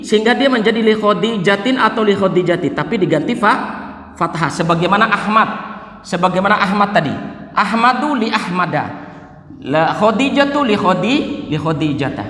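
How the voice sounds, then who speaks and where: Male teacher, high-pitched, patient drilling of example sentences, echoey classroom sound. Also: a bit bright. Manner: repeats example phrases slowly, then translates. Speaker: Arabic teacher. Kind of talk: beginner grammar lesson. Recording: echoey room with long reverb.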